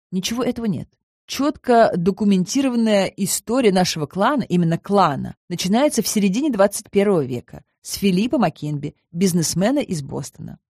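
Woman voicing a wry young man in an audiobook, lively intonation, dry close sound, ironic explainer. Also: on the low side, no room sound. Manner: measured, lightly ironic explaining. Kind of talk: audiobook reading.

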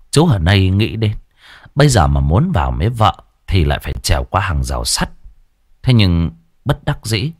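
A man, narrating a ghost story in a lively, colorful way. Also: low-pitched, no echo, studio quality.

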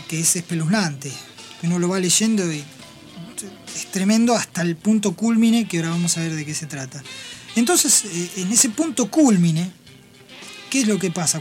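A woman hosting a radio program, retelling Bible passages in an explanatory, storytelling way with pauses and restarts. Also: on the low side, darkish tone. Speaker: radio host. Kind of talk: radio talk on Bible stories.

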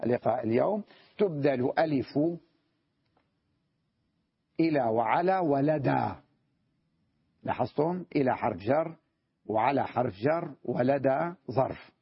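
Husky male grammar teacher, lo-fi. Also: fairly high pitch, no room sound. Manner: repeats key phrases slowly, checks understanding with questions. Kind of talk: classroom grammar lesson. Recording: dull lo-fi dry recording.

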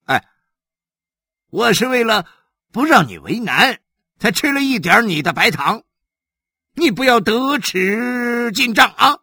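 A man voicing a boisterous male blood-station chief in a storybook reading, high and loud and laughing. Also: sing-song, drawn-out words, pauses often, no room sound, clean studio sound, full character voice. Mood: annoyed.

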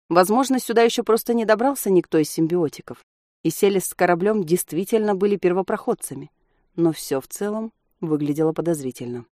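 A woman reading a novel aloud as audiobook narrator, steady and even. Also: on the low side, no room sound, studio quality. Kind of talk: scripted narration.

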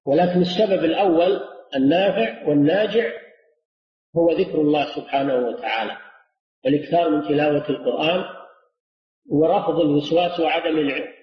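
Man scholar answering religious questions, a bit higher voice, echoey lo-fi lecture tape. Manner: measured, repeats key phrases for emphasis. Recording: roomy lo-fi lecture recording.

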